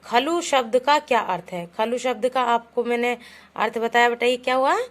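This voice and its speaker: A woman's voice: fairly high pitch, moderate pace. A woman teaching a Sanskrit lesson to children, patiently reading each example aloud and then explaining it. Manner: patient, calls the pupils "beta", reads each example aloud then translates it. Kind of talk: classroom lesson explaining Sanskrit words in Hindi.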